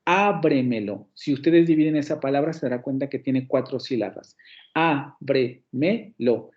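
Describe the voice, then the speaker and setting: A male university teacher with a Mexican Spanish accent gives an online phonetics lecture. His voice is mellow and even, and he explains step by step, often restarting a phrase. The audio is muffled and lo-fi, like a video call. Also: mid-range voice, fast talker. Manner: explanatory, frequent restarts and checks with "¿vale?".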